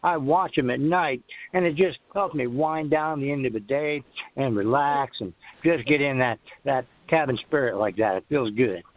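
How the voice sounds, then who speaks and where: A man's voice: mid-range voice, moderate pace, no echo. Anxious man calling in over the phone. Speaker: caller. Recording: tinny phone line.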